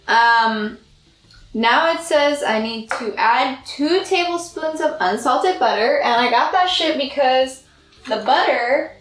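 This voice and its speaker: A young woman in her twenties cooks in her home kitchen for a casual vlog, chatting to the camera and thinking aloud in a self-deprecating way. Her voice is high and a bit bright, picked up by a distant camera with roomy kitchen sound.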